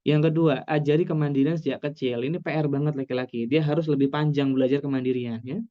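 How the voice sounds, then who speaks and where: A man's voice: on the high side, fairly even intonation, fast, highs cut off. A man with an Indonesian accent, a psychologist giving a chatty, reassuring parenting webinar talk with laughs between points. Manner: warm, reassuring, repeats "nggak apa-apa" and "ya". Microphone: webinar computer mic.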